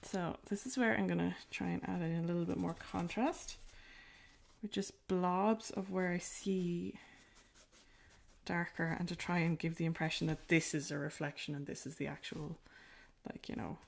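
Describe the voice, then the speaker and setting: Somewhat low and gravelly, this woman's voice keeps a fairly even intonation at normal speed. She hosts a painting livestream and chats in a rural Irish accent, casual, self-deprecating and full of filler words as she works.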